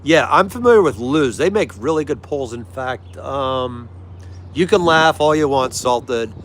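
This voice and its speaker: An American-accented livestream host from the United States talks a little slowly, his medium-pitched voice a bit bright with lively intonation. He chats with live viewers in a casual, agreeable, friendly way. The audio is clear, with something vehicle-like audible behind him.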